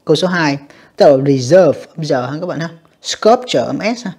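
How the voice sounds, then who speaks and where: A teacher, patiently explaining an English exam step by step and saying the English words slowly and carefully. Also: mid-range voice, creaky, darkish tone, slightly rough. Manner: patient, repetitive explaining with frequent tag particles. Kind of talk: exam review lesson.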